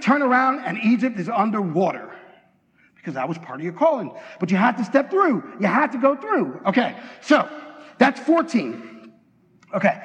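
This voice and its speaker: A man preaching an energetic sermon in a church, talking fast and excitedly and acting out bits of dialogue. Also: sits high, lo-fi sound. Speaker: pastor. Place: church sanctuary. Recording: long hall reverb.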